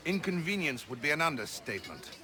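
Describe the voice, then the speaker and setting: A man's voice: on the high side, very animated, a little fast. A man playing a disdainful, resentful ship captain in a video game, with a clipped, curt manner. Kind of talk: video game cutscene acting.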